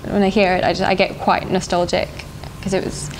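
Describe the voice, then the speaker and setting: A woman's voice: medium pitch, flat delivery, fairly quick, rough recording. A young woman from South Africa, a band singer, answering interview questions in a thoughtful, hesitant way with frequent laughs. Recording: faint background noise.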